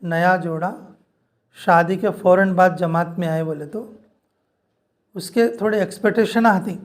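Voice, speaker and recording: A man's voice: high voice, fairly even intonation, a little slow. A man. His informal sermon to a women's group is earnest and repetitive. He speaks directly to his listeners. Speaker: Islamic preacher.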